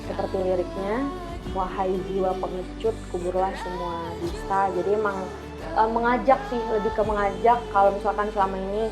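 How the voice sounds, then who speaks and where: A nineteen-year-old woman singer talks through her new release in a casual TV interview. She sounds friendly and earnest and explains things at length. Music plays clearly in the background. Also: mid-range voice, little pitch movement, moderate pace. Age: teens. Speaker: singer, guest.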